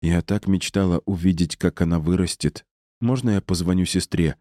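A wistful young mother asks softly and pleadingly, as a man reading an audiobook voices her. The voice stays low and dark, in a dry, close recording. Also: normal speed, no echo, natural voice.

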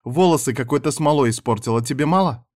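A man voicing a strict mother who scolds her daughter in a raised, sharp voice. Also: medium pitch, quick pace, voice pushed up, lightly acted. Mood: scolding. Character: strict tall red-haired mother, scolding.

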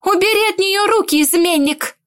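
A fierce, outspoken young woman in a fantasy audiobook, as a woman reader puts her on. Her voice is pitched high and shrill with indignation. She speaks up boldly and accuses without fear. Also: normal speed, close to an everyday voice. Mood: indignant.

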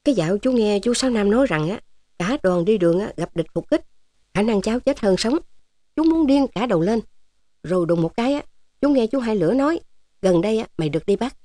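A woman's voice: mid-range voice, lively intonation, fairly quick, mellow, no room sound, natural voice. A woman doing a jovial old officer. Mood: teasing. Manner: teasing, fatherly, joking. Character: jovial, teasing older male resistance officer.

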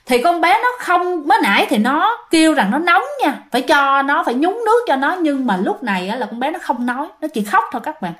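Lady spinning a ghost story, high voice, talks right to you. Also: expressive, a little fast, hardly any pauses, a bit bright. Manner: chatty, addresses listeners directly. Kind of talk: casual ghost story narration.

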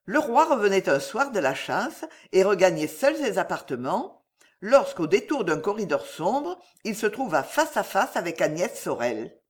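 A narrator reads a historical tale aloud in a dramatic, expressive manner. The pitch swings widely while it stays at a middle height. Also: moderate pace. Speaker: audiobook narrator.

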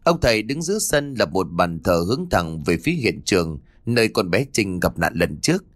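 A man narrating a horror audiobook in an expressive, dramatic storytelling manner. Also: low voice, normal speed, no room sound. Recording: dry close studio read, faint music.

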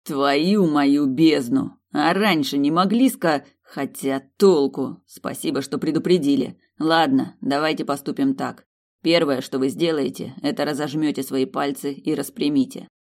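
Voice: medium pitch, level tone, normal speed, creaky, natural voice. Reader doing a bossy vampire guy, snaps orders, swears when things go wrong, storybook. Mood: firm. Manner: commanding, curses under pressure. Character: stern vampire man defusing a bomb.

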